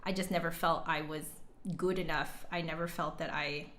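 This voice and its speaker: Speaking at a normal pace in a deep, steady, fairly bright voice, a woman chats casually with her livestream audience, answering comments as she thinks out loud in a rambling, hesitant fashion. She works as a flute musician and teacher. The room sounds large and echoey.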